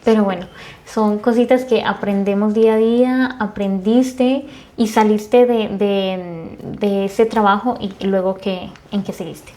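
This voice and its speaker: A woman's voice: mid-range voice, fairly even intonation, a little slow, dark tone. A woman from Colombia with a Colombian accent, hosting a conversational interview, chatty, echoing her guest and asking follow-up questions. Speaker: host.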